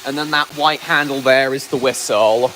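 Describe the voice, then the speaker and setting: A man's voice: medium pitch, fairly even intonation, moderate pace, low-quality recording. A man doing a casual live stream outdoors, raising his voice and often repeating himself as he goes. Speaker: livestreamer, train enthusiast. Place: outdoors at a heritage railway engine. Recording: loud engine noise behind voice. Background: steam engine noise.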